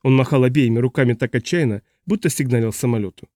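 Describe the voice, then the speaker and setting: Male audiobook narrator, steady read. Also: medium pitch, fast talker, dry recording, studio quality. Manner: steady, even reading. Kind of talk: scripted narration.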